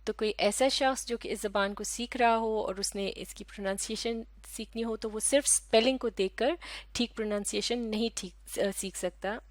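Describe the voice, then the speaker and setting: Woman, measured phonetics teacher, clean close sound, no room. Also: on the high side, fairly even intonation, no room sound. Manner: measured, methodical, self-correcting. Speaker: English pronunciation teacher. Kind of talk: explanatory lesson on phonetics.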